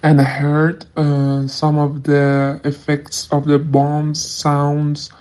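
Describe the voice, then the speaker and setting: A woman from Iran giving anonymous testimony, her voice disguised with a voice changer, speaking in halting, broken phrases. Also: low voice, completely flat delivery, dark tone, no room sound. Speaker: anonymous witness. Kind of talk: phone interview testimony.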